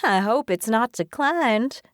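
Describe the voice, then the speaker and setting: A woman's voice: a little high, lively intonation, slow, no room sound, clean studio sound, voice pushed up. A woman voicing a catty, rich young woman from the American South who drawls smugly with a Southern accent. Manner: drawling, smug, giggly.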